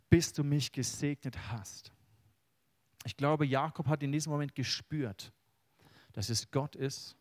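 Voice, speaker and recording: A man preaching a sermon, earnest and personal, swinging between loud emphasis and hushed words. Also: medium pitch, no room sound. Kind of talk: sermon with Bible reading.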